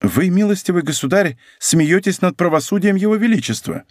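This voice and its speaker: A man's voice: sits high, animated, brisk, darkish tone, no echo, studio quality, voice pushed up. Man playing a stern interrogating commissioner. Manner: interrogating, accusing. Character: stern bureaucratic male police commissioner. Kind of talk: audiobook character voice.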